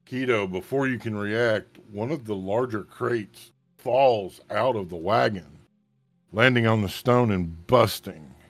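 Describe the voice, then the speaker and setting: A man running a tabletop game as game master, narrating events in a calm, measured way. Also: lowish voice.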